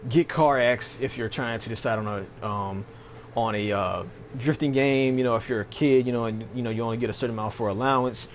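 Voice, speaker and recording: A man's voice: mid-range voice, brisk, a little hiss or hum. A man giving casual, rambling commentary on a game update, sleepy and yawning, with lots of fillers and slang. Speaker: gaming channel host.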